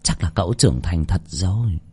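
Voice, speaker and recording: A man voicing an older female cook who scolds in quick bursts, in a read-aloud story. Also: sits low, animated, darkish tone, husky, voice pushed down, full character voice. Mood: musing. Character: older woman cook, sharp-tongued, scolding.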